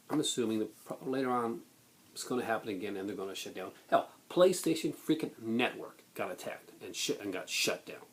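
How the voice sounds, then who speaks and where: Low-pitched man ranting, noisy recording. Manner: blunt, exasperated, halting with emphatic bursts. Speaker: video blogger. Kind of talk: opinionated rant to viewers. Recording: noticeable background noise.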